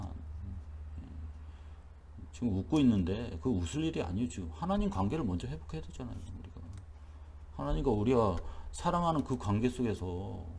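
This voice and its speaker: Gravelly-voiced male pastor preaching. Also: medium pitch, warm tone. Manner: emphatic, repetitive conversational preaching. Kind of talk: dawn worship sermon. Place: church.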